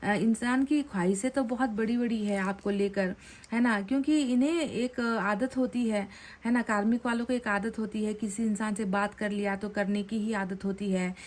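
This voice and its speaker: A woman's voice: mid-range voice, fairly even intonation, normal speed, darkish tone. Earnest woman giving a tarot reading. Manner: chatty, often ends phrases with a tag question; earnest, repeats and rephrases points. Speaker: tarot card reader. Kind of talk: pick-a-card tarot reading addressed to viewers.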